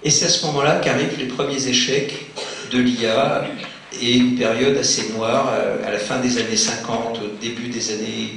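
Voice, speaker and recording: A man's voice: mid-range voice, little pitch movement, normal speed, gravelly, fairly bright tone. A man giving a conversational conference lecture, with fillers and restarts, joking with his audience. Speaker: conference speaker. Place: lecture hall. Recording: very echoey hall, faint noise.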